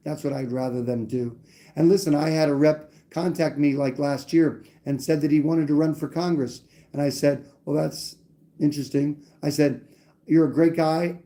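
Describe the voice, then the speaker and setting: A man talks straight into his live stream, blunt and rambling, with some cursing. His voice is fairly high for a man but dark and mellow in tone. He sounds like a host riffing on politics off the cuff. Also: fairly even intonation, moderate pace. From New Hampshire. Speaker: livestream host. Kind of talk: casual political talk.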